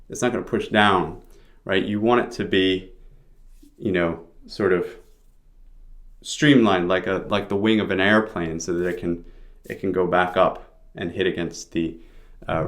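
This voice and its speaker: Low-voiced man teaching pronunciation. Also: fairly bright tone. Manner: explanatory, demonstrating sounds step by step. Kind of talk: informal instructional lesson.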